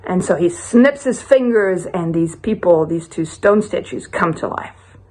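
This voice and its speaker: A woman telling a rambling, animated joke story with many restarts. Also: lowish voice, a little slow.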